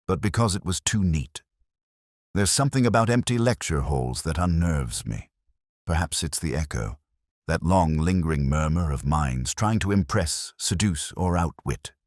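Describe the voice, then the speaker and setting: Male actor as rumpled, melancholy inspector narrating detective drama; extremely low voice, expressive swings, dry close sound. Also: no echo, exaggerated voice. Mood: melancholy reflection. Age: middle-aged. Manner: measured, literary, brooding. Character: greying, sharp-witted, rumpled, melancholy English police inspector. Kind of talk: scripted first-person detective audio drama narration.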